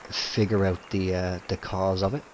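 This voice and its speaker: Sitting at home with a TV and console, a gaming commentator chats easily into his headset, his voice low, level in tone, and moderately paced. He sounds a little throaty from a cold and uses plenty of fillers, while the background is noisy.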